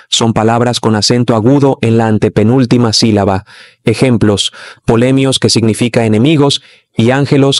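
A man reads out a scripted language lesson, listing terms and examples in an even, deliberate way. His pitch is average and the recording is dry, with no room sound. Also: no echo. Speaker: narrator.

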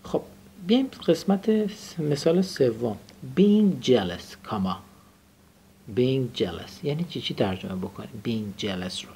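A young man leads a classroom lesson, walking through grammar points and drilling his students with repeated phrases. His voice sits at an ordinary middle pitch. A faint hiss runs underneath. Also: expressive, vocal fry, warm tone. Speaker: English teacher.

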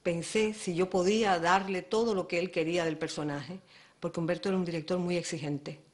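A woman's voice: on the low side, fairly even intonation, a little fast. A woman, an actress, thoughtfully recalling her work with a director in a documentary interview, sometimes searching for words. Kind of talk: reflective interview recollection.

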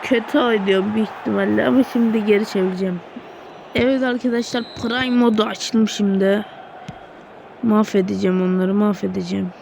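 A woman commenting on her own football video game match, excitable and often groaning or shouting at the play. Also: fairly high pitch, a little fast, creaky, noisy background. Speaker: gaming streamer. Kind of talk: live gameplay commentary.

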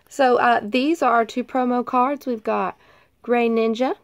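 A woman's voice: on the high side, steady tone, slow, no room sound. A woman with a nasal voice, getting over a cold, casually chatting as she opens trading card packs and reads off each card. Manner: reads off cards one by one, light laughs. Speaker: card-opening channel host. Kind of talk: casual chat.

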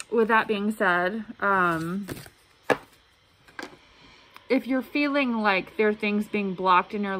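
A woman speaking through a face mask, slightly muffled, giving a casual, halting and earnest tarot reading to camera. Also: mid-range voice, pushed and bright. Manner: halting, earnest, repeats words. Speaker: tarot reader. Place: indoor room at a table. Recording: clearly noisy room recording.

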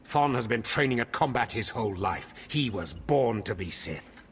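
A man's voice: mid-range voice, lively intonation, moderate pace, slight background noise, close to an everyday voice. An actor playing a harsh, contemptuous male Sith overseer in a video game, giving cold commands. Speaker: academy overseer.

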